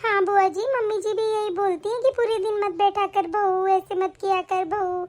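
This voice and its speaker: Young daughter-in-law for a cartoon story, respectful and earnest, very high voice, a woman performing. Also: fairly even intonation, moderate pace, a little mellow. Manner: earnest, respectful, talks at length. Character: young new mother, tearful and polite daughter-in-law. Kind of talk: animated family story voice acting.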